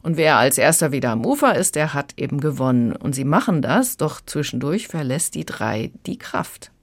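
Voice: mid-range voice, sing-song, normal speed, dry recording. A critic discussing a novel on the air in an engaged, explanatory way. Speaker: literary critic. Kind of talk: book review talk.

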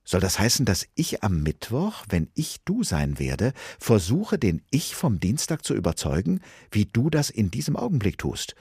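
A man's voice: fairly low pitch, huge pitch swings, normal speed, hardly any pauses, darkish tone, breathy edge, no echo, clean studio sound, pitched above the performer's own voice, exaggerated voice. A man voicing a stubborn, puzzled astronaut. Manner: puzzled, reasoning aloud. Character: confused, stubborn male astronaut, the narrator's self.

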